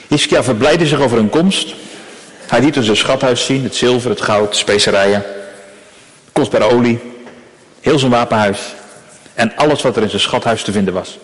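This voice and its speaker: A man leading a church service as pastor, reading scripture in a measured, solemn way. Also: medium pitch. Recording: long church reverb.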